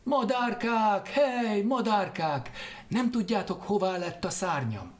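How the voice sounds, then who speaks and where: Guy doing a high pleading storybook flier who snaps into angry shouts. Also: lively intonation, close to an everyday voice. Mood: coaxing. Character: wingless flying man, pleading, quick to anger.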